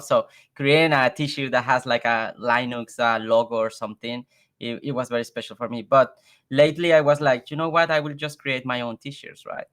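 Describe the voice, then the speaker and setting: Man, English, halting, repeats words, laughs easily, video call guest. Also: medium pitch, a bit bright. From Mexico. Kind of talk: casual interview chat.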